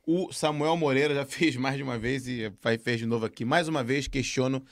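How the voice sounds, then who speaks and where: A man's voice: medium pitch, a little fast, no room sound. A man co-hosting a podcast, chatting casually and reading out questions from listeners. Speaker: podcast host. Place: small foam-padded podcast studio. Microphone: close studio podcast microphone.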